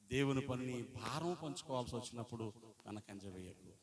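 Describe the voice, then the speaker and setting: A male pastor preaching a Sunday sermon. He poses questions to the congregation and answers them, moving between loud, emphatic lines and quiet asides. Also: mid-range voice, expressive, moderate pace, crowd noise. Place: church service. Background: congregation sounds.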